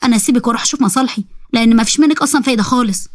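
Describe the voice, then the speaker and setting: A woman's voice: fairly high pitch, rapid-fire, no room sound, clean studio sound, lightly acted. A woman voicing an exasperated middle-aged mother with an Egyptian accent who scolds and laments. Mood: scolding.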